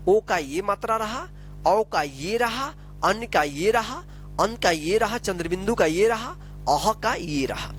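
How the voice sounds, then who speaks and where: A man teaching a lesson, explaining slowly and patiently, often asking a question and then answering it himself. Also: high voice, a bit bright. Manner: repetitive, asks questions and answers them himself; slow, patient explaining with frequent tag questions.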